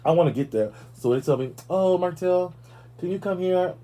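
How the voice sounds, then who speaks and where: Celebrity gossip gets the sassy treatment from a high-voiced male host of a live talk show, who talks at a normal speed. He's casual and animated, with playful asides throughout.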